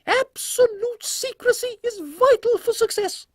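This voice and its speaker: A man's voice: very high-pitched, measured pace, a bit bright, dry recording, studio quality, pitched above the performer's own voice. A man voicing an imperious, drily witty Queen Victoria with a British accent, regal and condescending, in a steampunk audio comedy. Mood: conspiratorial, commanding. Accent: British English.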